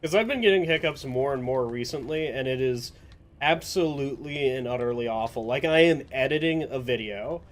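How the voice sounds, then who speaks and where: A man's voice: medium pitch, moderate pace, slight background noise. Rambling chatty man narrating gameplay. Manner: rambling, chatty, self-mocking, trips over words. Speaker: gameplay commentator. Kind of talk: casual gameplay commentary.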